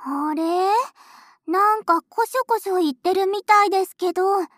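A woman's voice: extremely high pitch, normal speed, fairly bright tone, no echo, studio quality. A woman voicing a playful, teasing young woman in an audio role-play, coaxing the listener in polite speech.

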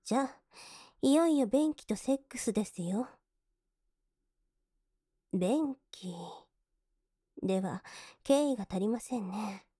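A young woman playing a cold, scornful maid in an adult audio drama, politely contemptuous and mocking, sometimes dropping into soft whispers to sneer. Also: on the high side, animated, takes it slowly, long pauses, breathy edge, dry recording, studio quality, heavily acted. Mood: coolly commanding.

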